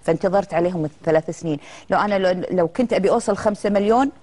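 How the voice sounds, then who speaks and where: A woman's voice: lowish voice, racing. A middle-aged woman, an actress guest telling stories in a casual TV interview. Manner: lively, animated storytelling with quoted dialogue.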